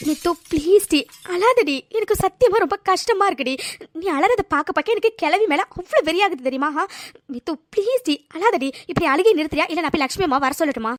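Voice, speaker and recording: A woman's voice: extremely high pitch, lively intonation, brisk, no echo. Woman voicing a fiery, protective cartoon friend. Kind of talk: cartoon voice acting.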